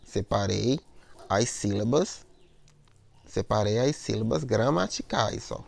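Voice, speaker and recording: A man's voice: fairly low pitch, lively intonation, takes it slowly, vocal fry. A man teaching a lesson on poetic meter, explaining step by step, repeating words, and checking in with "né?" and "ó".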